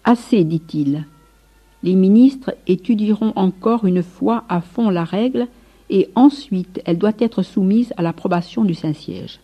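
A woman's voice: mid-range voice, unhurried, mellow, natural voice. Woman doing a commanding, shrewd friar. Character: authoritative male friar leader, cool and shrewd. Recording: slightly muffled recording.

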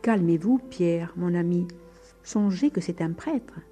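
A respectable townsman talks his friend down in a steady, reasonable tone, as a woman reads him. The voice is dark and husky, over faint music. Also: on the low side, slow pace. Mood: soothing. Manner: calming, reasonable.

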